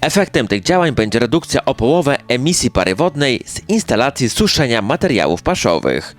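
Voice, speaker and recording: A male announcer reads scripted local news in delivery. His mid-pitched voice moves with lively intonation, and music plays softly behind him. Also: a little fast. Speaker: newsreel narrator. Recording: music bed under voice. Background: background music.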